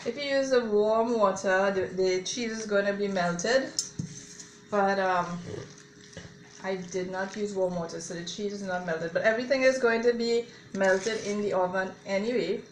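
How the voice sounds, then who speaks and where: A woman's voice: mid-range voice, normal speed, slight background noise. Chatty woman in an echoey kitchen. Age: adult mother. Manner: chatty, talks viewers through each step. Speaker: home cook showing a recipe. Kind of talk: casual cooking demonstration. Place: home kitchen. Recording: echoey kitchen with clattering cookware. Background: dishes, cutlery and blender clatter.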